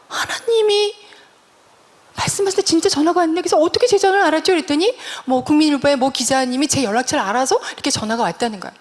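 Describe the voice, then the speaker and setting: A middle-aged woman giving a testimony sermon as a guest speaker, telling her story animatedly and acting out dialogue. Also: sits high. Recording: church hall reverb.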